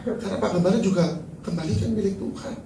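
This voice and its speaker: A man preaching a sermon as pastor, animated and joking, then dropping to soft, tearful tones. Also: high voice, fast talker, background noise. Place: large church hall. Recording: echoey church hall from far off.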